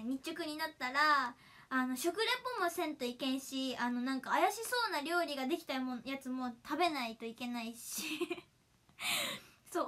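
This is a giggly young idol livestream host with a bright, high-pitched voice. She chats easily, laughs frequently, and goes through viewers' comments in a relaxed way.

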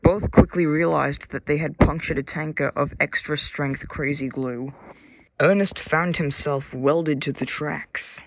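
A man narrates a comic toy-train story with deadpan, wry asides. His voice sits a little high, and the phone recording is dry and close with no room sound. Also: measured pace, vocal fry, no room sound, low-quality recording.

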